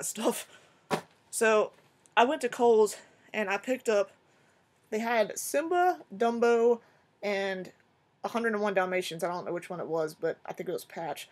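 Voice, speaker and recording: A young woman chatting casually in a rambling, excitable way as she shows off her shopping haul to the camera. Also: medium pitch. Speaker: vlogger. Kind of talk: casual haul video chat.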